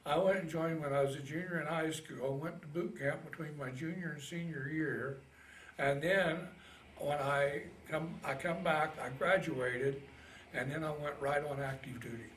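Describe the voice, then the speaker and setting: A Navy veteran of about eighty from Indiana, with a Midwestern American accent, is interviewed about his past and recalls it in a halting, folksy, plain-spoken way for a casual oral history. His voice is fairly high and a bit bright. The mic is distant in a roomy space, with faint noise.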